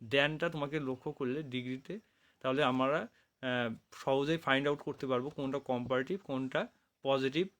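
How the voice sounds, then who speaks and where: A man from Bangladesh, a college English lecturer, explaining grammar to students in Bengali mixed with English terms, repeating key phrases, correcting himself often and reading definitions out slowly. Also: medium pitch, steady tone, a bit bright. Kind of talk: classroom grammar lecture over slides.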